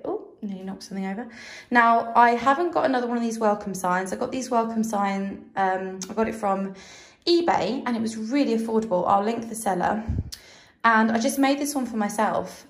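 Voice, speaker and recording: A woman with a croaky voice, chatting casually through a craft tutorial with many fillers. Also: medium pitch. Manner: rambling, conversational, many fillers. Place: room at home under ceiling spotlights. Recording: echoey room.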